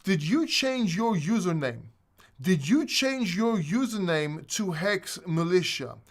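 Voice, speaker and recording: A man's voice: high-pitched, expressive, takes it slowly. Chatty Greek man hosting a live stream. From Greece. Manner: chatty, rambling, with restarts. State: a little winded. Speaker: host. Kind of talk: casual live-stream chat.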